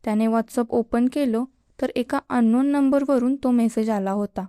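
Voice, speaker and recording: A woman narrating a romance story in a calm, measured storytelling manner. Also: fairly high pitch, clean tone, no echo, studio quality.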